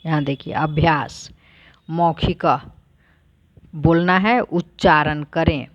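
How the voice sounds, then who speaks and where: A woman teacher who reads each word aloud, then explains it plainly, in a slow, deliberate lesson. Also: low-pitched, fairly even intonation, highs cut off.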